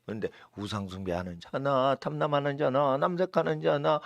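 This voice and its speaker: A male pastor preaching a sermon, hammering home points with sharp high shouts, then dropping low to explain. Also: normal speed, vocal fry, no room sound, dull audio. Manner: drops to a low, quiet explaining tone between outbursts. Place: church.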